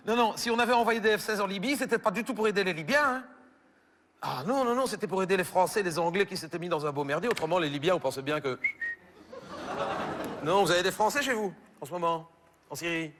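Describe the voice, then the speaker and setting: A Belgian French comedian on stage, doing one side of a phone call, stammering and bemused. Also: male voice, high voice, fairly quick, a bit bright, big-room sound. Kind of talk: stand-up phone sketch. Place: theater stage with audience.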